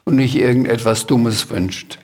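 A patient, reasonable father in a storybook, as a man reading aloud plays him. He sounds calm and steady and sets rules without any fuss. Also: mid-range voice, a little slow, breathy edge. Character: patient middle-aged man, a father figure.

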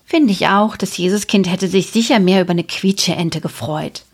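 A woman's voice: fairly low pitch, normal speed, husky, voice pushed up. A woman reading a storybook, voicing eager, chatty schoolgirls who like to explain things. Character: lively, know-it-all schoolgirls.

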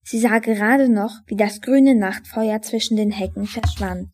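A woman reading a children's novel aloud in steady storytelling. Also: medium pitch, a little slow, breathy edge. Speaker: reader.

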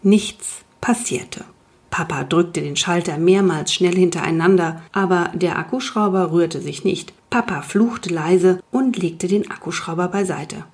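A woman narrating a children's story in the first person, calm and even. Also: fairly low pitch, unhurried. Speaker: audiobook reader.

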